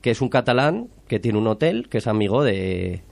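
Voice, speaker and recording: A man's voice: on the low side, expressive, normal speed, vocal fry. A man with a Spain Spanish accent, chatting casually as a podcast host and mockingly retelling a film plot. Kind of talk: casual film review chat.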